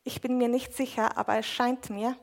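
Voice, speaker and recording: A woman reading a Bible passage aloud in a measured, even way, then interpreting a sermon line by line. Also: a little high, gravelly. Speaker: scripture reader and interpreter.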